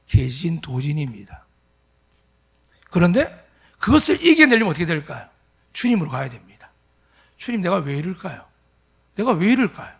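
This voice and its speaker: A man's voice: high voice, creaky, fairly bright tone, husky. A pastor in his fifties preaching at a Sunday church service, emphatic and full of rhetorical questions to the congregation. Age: 50s. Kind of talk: sermon.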